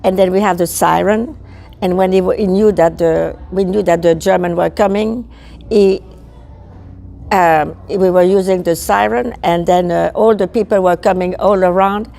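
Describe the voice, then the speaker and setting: An elderly Belgian woman in her 80s, a native French speaker, recalls her childhood as a guest, speaking English with a Belgian French accent. Her low, dark, gravelly voice keeps a fairly even intonation at a moderate pace, and she searches for words and repeats herself.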